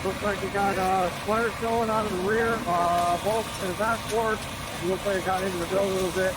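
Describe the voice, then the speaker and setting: A man's voice: high-pitched, fairly even intonation, fairly quick. A man working as a fire commander, giving clipped, procedural calls over fireground radio. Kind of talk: emergency radio traffic. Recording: noisy fireground radio, engines idling.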